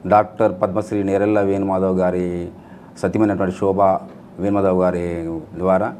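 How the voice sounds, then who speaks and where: A man's voice: low-pitched, little pitch movement, moderate pace, a little mellow, a little hiss or hum. A man, a guest mimicry artist telling his story earnestly in a TV studio interview. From Telangana. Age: 50s. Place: TV news studio.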